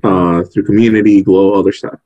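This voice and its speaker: Excitable husky-voiced man. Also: low voice, fairly quick, muffled recording. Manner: animated, excitable storyteller. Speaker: podcast co-host. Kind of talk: casual movie review chat.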